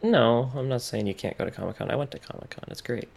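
A man's voice: mid-range voice, fast talker, gravelly, darkish tone, husky. A man co-hosting a podcast in casual comedic chat, joking and slipping into silly put-on voices. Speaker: podcast co-host.

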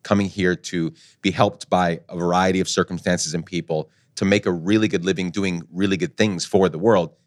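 Deep-voiced rambling male interviewer. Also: fairly even intonation, fairly quick, few pauses, no room sound, studio quality. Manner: rambling, searching for words. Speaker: host. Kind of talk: interview questions.

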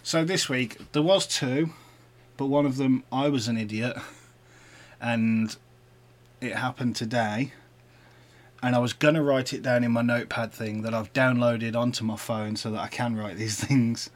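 A man's voice: mid-range voice, fairly even intonation, normal speed. A man co-hosting a casual podcast, teasing and arguing with his partner and laughing often. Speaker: podcast co-host. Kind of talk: casual couple banter.

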